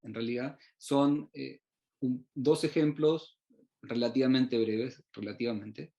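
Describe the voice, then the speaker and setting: A middle-aged man, born in Uruguay and raised in Chile, gives an online research presentation, halting often with fillers and restarts. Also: mid-range voice, vocal fry, mellow, dull audio. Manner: hesitant, many fillers and restarts. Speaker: researcher presenting his work.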